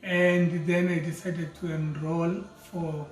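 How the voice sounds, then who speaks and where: A middle-aged South African man with a fairly high voice speaks in an earnest, reflective way as he introduces himself. He sits some distance from the mic in a roomy space, with faint music behind him. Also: flat delivery, takes it slowly. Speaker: doctor and theology student. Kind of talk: personal introduction video.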